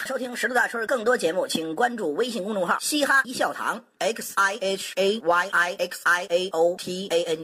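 A woman reading an upbeat scripted promo, spelling out letters slowly. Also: medium pitch, a bit bright, husky. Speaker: program announcer.

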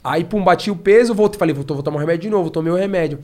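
A man, a podcast guest telling stories in a slangy, animated way. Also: on the high side, racing. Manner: slangy and animated, acts out his own past shouts. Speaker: podcast guest, professional fighter. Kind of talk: casual storytelling.

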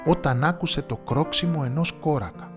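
Calm man telling a fairy tale. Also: on the high side, faint music behind. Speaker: storyteller, podcast host. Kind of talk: scripted storybook narration.

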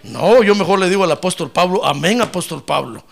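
A man preaching a sermon in an animated way, with rhetorical questions, humor and loud exclamations of praise. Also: high voice, brisk, gravelly.

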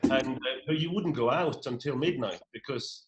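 Norwegian-born man, 40s, mid voice, halting and repetitive, casual guest. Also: mid-range voice, background noise. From Norway. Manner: halting, many repeated words. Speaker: pub owner guest. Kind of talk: casual interview.

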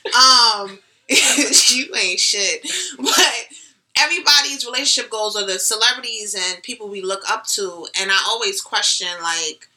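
A young woman co-hosting a casual chat show, animated and slangy, laughing often. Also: mid-range voice, a little slow, low-quality recording. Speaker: podcast co-host.

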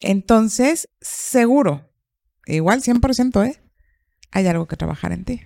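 A woman psychologist, calmly explaining and asking rhetorical questions in a podcast conversation. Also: a little high, measured pace, gravelly, dry recording, clean studio sound. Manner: calm, explanatory, asks herself rhetorical questions.

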